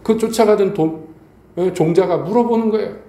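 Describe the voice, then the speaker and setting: A man's voice: high-pitched, moderate pace, dark tone. A middle-aged male pastor preaching an evening sermon, telling stories and pressing the congregation with rhetorical questions. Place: church sanctuary. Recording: echoey church hall, faint background noise.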